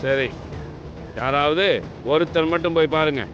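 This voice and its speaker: Actor as a stern menacing hostage-taker. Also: male voice, on the high side, fairly even intonation, unhurried, muffled recording, background noise, lightly acted. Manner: curt, commanding. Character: stern man holding a hostage, threatening. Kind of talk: TV serial acting. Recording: loud music under the voice.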